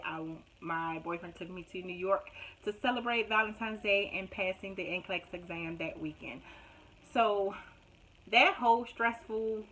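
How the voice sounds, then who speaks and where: A young adult woman telling her story in a casual, animated vlog, with dramatic retelling and laughs. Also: on the low side, slight background noise, low-quality recording. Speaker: nurse vlogger.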